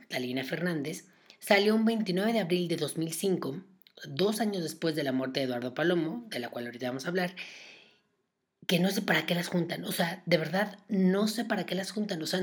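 A woman with a Mexican Spanish accent hosts a podcast in a low voice. She tells her story as casual, sarcastic chat, full of fillers and side remarks. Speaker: podcast host.

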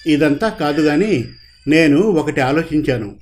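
A calm, wise judge settles a quarrelling couple's case in a storybook reading, voiced by a man. He speaks in an unhurried, measured way, with a slightly raised pitch. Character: calm, wise male judge, mildly exasperated.

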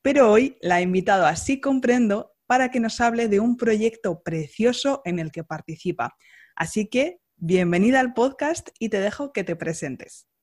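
A woman from Spain, hosting a podcast and interviewing a guest in a friendly, measured way. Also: medium pitch, lively intonation, darkish tone. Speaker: podcast host.

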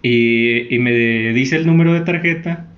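A young man with a Mexican accent, casually telling a story in a deadpan way. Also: medium pitch, measured pace. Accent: Mexican Spanish. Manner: deadpan anecdote telling, mimics voices in quotes. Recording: roomy muffled recording.

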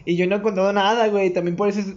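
A young Mexican man speaks in a notably high voice, chatting candidly with friends. His talk is slangy and full of swearing, captured in muffled lo-fi sound. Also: level tone, rapid-fire, darkish tone. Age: young adult. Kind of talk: casual confessional chat with friends. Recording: dull lo-fi audio.

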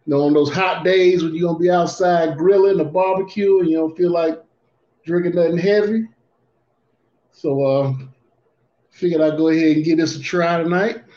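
Higher-voiced man in an echoey room. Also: fairly even intonation, moderate pace, warm tone. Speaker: podcast co-host. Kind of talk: casual chat. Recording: echoey room, dull muffled audio.

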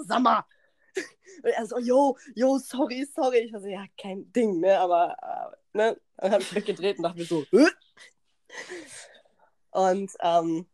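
Chatty young woman telling a wild story. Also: a little high. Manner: animated, slangy, acts out quotes, laughs often. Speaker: podcast host. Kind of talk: casual storytelling chat.

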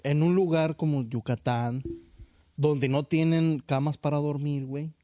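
A man's voice: on the high side, fairly even intonation, measured pace, dark tone, no echo. A man with a Mexican Spanish accent telling a crude joke among friends in a rambling, slangy way, often laughing. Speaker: joke teller. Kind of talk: crude casual chat.

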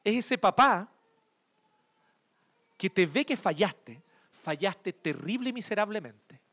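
A man preaching a sermon in a Chilean Spanish accent, shifting between loud emphasis and hushed, tender passages. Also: sits high, animated, slow pace. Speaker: pastor.

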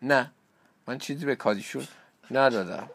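A man reading a storybook aloud, voicing a timid, gentle young girl with a slightly raised voice. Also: medium pitch, dry recording. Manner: hesitant, soft-spoken.

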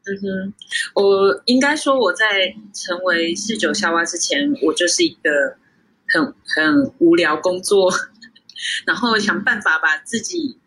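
带着笑意、语气明亮的台湾女性. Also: female voice, lowish voice, animated, a little slow, sharp tone, husky, low-quality recording. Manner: chatty, laughs often, many fillers. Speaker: guest sommelier. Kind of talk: casual interview over a remote call. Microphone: video call.

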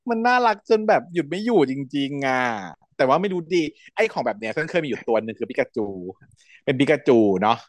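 A man's voice: fairly high pitch, sing-song, fast talker, no room sound. A man hosting a casual chat, recapping a story with energy and acting out the characters' lines. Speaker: podcast host recapping a series.

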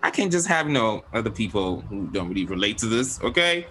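A man's voice: fairly low pitch, sing-song, brisk, bright, forceful tone, slight background noise, low-quality recording. A man from Africa hosting a casual podcast chat who often checks in with his listeners. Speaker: podcast host.

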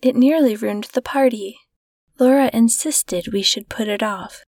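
A woman reading the lines of a brisk, decisive upper-class mother in a storybook reading, on a dry close mic. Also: a little high, a little mellow, no room sound.

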